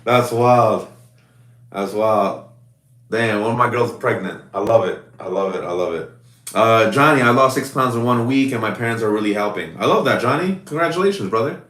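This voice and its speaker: A man coaching clients over a video call, chatting casually with loud, excitable hype-man energy. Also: on the low side, brisk, roomy sound, distant mic. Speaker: fitness coach.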